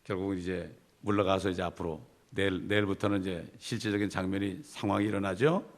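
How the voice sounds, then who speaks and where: Gravelly-voiced male pastor preaching. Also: low voice, fairly even intonation, a little fast. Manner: emphatic, conversational preaching with asides to the congregation. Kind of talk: Bible study sermon.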